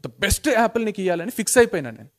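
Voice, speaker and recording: Gentle patient God, calmly explaining, voiced by a man, fast talker. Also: high voice. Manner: calm explaining. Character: kind patient God speaking gently to a boy.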